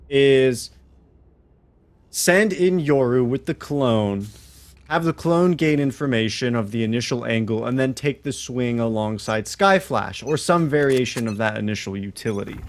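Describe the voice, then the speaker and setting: A man giving live esports commentary, explaining tactics in a measured, detailed way. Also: mid-range voice.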